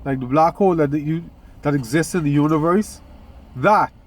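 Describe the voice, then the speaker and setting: A man with a fairly high voice hosts a casual spiritual vlog at a normal pace. He rambles, restarts his sentences many times, and yawns now and then.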